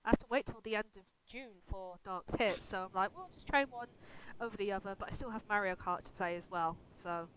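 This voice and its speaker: A woman co-hosting a casual podcast, chatty and quick to giggle. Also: medium pitch, fairly bright tone. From United Kingdom. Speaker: podcast co-host. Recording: dull lo-fi with faint noise.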